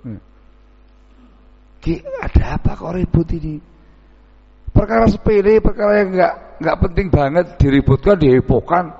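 A man giving a dawn sermon as a preacher, animated and acting out the people he describes. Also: high-pitched, moderate pace, vocal fry, pauses often, breathy edge. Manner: animated, mixes in Javanese words, mimics townsfolk. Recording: dull, echoey hall recording.

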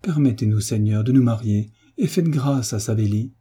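A man voicing a tearful young peasant girl who begs for mercy, in a dark, husky tone. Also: mid-range voice, normal speed. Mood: tearful pleading. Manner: begging, sobbing pleas.

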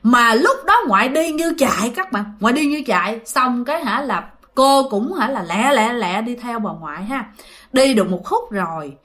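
Telling a ghost story straight to her listeners, this chatty woman has a Southern Vietnamese accent. Her fairly high voice is expressive and fairly bright in tone, at normal speed.

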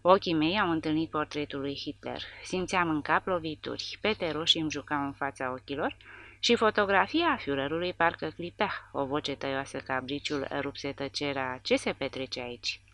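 A woman narrating a war novel as an audiobook, in a steady, measured storytelling manner. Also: deep voice.

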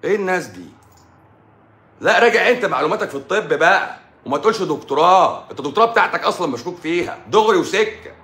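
A man's voice: high-pitched, expressive, very fast, hardly any pauses, bright, forceful tone. A middle-aged man with an Egyptian Arabic accent, a doctor ranting combatively on a live stream and firing off rhetorical questions. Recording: echoey room.

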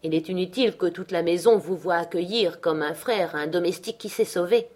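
A woman reading an audiobook and voicing an irritable young gentleman who talks in a peevish, curt way. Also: lowish voice, brisk, natural voice.

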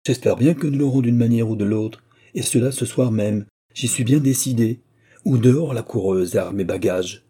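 A man voicing an angry middle-aged innkeeper's wife who scolds in a raised, shrill voice in an audiobook reading. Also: normal speed, mellow, slightly rough, natural voice. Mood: furious.

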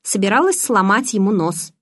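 A woman's voice: medium pitch, big pitch swings, moderate pace, no echo, clean studio sound. A woman voicing an anxious, touchy teenage girl who speaks in an emotional, pleading way.

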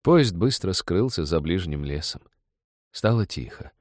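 A man narrating a literary short story in a measured, calm reading. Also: deep voice, no echo, clean studio sound.

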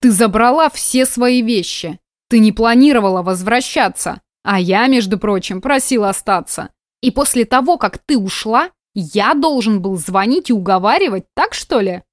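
A woman's voice: a little high, animated, moderate pace, no room sound, natural voice. Brief: female reader doing a tense, bitter young man pleading his case, audiobook, dry close sound. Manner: tense, earnest, controlled then bitter. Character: young man, frustrated boss, earnest. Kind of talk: audiobook dialogue.

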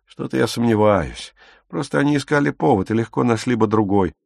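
A man's voice: medium pitch, a little fast, creaky, a little mellow, no room sound, studio quality. A man voicing a hot-headed, defiant young man who snaps impatiently, in an audiobook. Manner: impatient, snapping.

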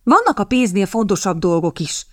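A woman's voice: medium pitch, big pitch swings, fairly bright tone, dry recording, clean studio sound. A woman voicing a passionate, lovestruck young younger sister who pleads and protests indignantly.

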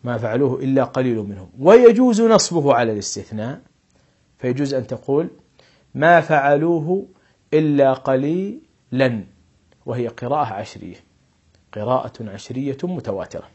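A man teaching an Arabic grammar lesson, explaining patiently and stressing each quoted example slowly and loudly. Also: mid-range voice, sing-song, slightly rough, lo-fi sound.

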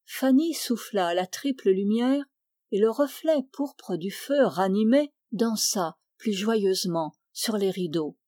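Une femme lit un roman classique d'une voix posée et mesurée. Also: female voice, medium pitch, takes it slowly, warm tone, no room sound, clean studio sound. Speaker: audiobook reader. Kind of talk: literary audiobook narration.

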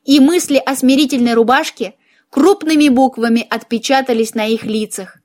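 A woman narrating a humorous fantasy audiobook in first person, lively and playful. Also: high voice, normal speed.

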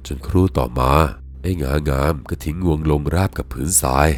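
A man narrating a first-person ghost story in a measured, solemn reading. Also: very deep voice. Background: faint music.

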